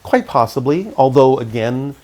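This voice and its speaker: Raised in California after coming from Canada, this middle-aged man sits for an interview and calmly recounts his experiences. He stays low-key and measured throughout his reflective storytelling.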